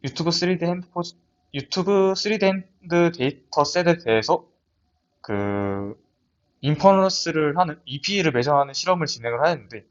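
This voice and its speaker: A man's voice: on the high side, expressive, normal speed. A young man gives a research paper presentation in a lab seminar, talking hesitantly with frequent restarts and fillers. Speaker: student presenter. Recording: dull lo-fi audio.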